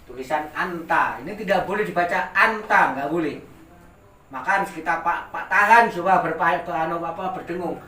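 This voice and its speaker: In a fairly high, sharp voice at normal speed, an Indonesian-accented man teaches Quran recitation rules to adult learners in a casual tajwid session. He draws out syllables and repeats words for them to echo back, recorded on a distant mic in an echoey room with faint background noise.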